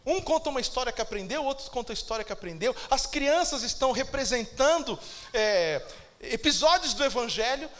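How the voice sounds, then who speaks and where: A man's voice: very high voice, lively intonation, brisk, fairly bright tone. A man with a Brazilian Portuguese accent preaching a sermon as pastor, emphatic and calling out to the congregation for amens.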